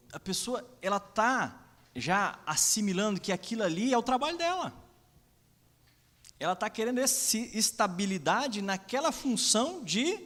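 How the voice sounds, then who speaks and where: A man's voice: sits high, a bit bright. A young adult Brazilian man preaching a sermon, telling personal stories and acting out the dialogue. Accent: Brazilian Portuguese. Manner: storytelling, acts out dialogue, many "né?" asides. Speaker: pastor. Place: church sanctuary. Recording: long reverb of a church hall.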